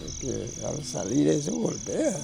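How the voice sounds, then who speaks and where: An older man with a northern Peruvian accent and a gravelly voice tells stories informally, rambling and repeating his phrases. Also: medium pitch, wildly swooping pitch, measured pace, background noise. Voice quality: gravelly, creaky aged voice. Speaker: grandfather recounting local oral history. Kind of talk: informal oral storytelling.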